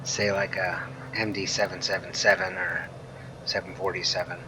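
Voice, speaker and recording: Man, lowish voice, casual gameplay commentary, rambling, clear engine noise behind. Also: level tone, moderate pace. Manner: rambling, thinking aloud. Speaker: flight simulator streamer and reviewer.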